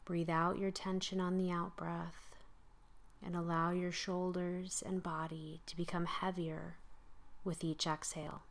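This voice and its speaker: A woman guiding a slow breathing meditation in a calm, soothing voice, often sinking into soft whispers. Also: fairly low pitch. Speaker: meditation guide.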